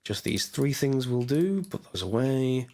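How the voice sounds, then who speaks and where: A man with a hoarse voice, chatting casually as he narrates his gameplay, thinking aloud with lots of fillers. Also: medium pitch, animated, measured pace, warm tone. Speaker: gaming channel host. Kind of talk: casual let's-play commentary.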